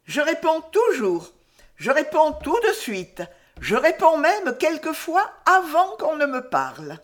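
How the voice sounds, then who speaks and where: A woman's voice: sits high, wildly swooping pitch, takes it slowly, pitched above the performer's own voice, heavily acted. A woman voicing a teasing, playful young woman who adores her anxious lover, in an audiobook reading. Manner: teasing, playful, mock-exasperated.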